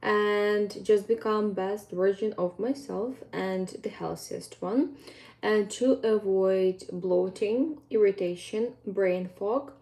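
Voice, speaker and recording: A young fitness coach with a Ukrainian accent chats to her viewers in a casual vlog monologue, speaking earnestly and rambling with frequent ums and non-native phrasing. Her medium-pitched voice is mellow and slow.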